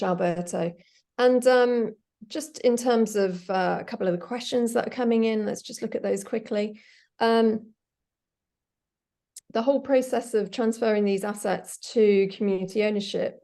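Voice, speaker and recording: A woman hosting a webinar over a video call, moderating speakers and audience questions in a brisk, organised way. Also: mid-range voice, gravelly, dark tone. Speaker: webinar host.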